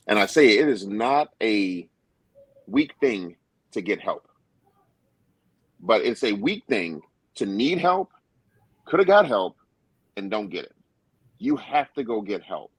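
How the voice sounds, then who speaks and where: A man's voice: lowish voice, husky, dry recording. A man speaking earnestly as a panelist in a discussion, with a preacher-like emphasis.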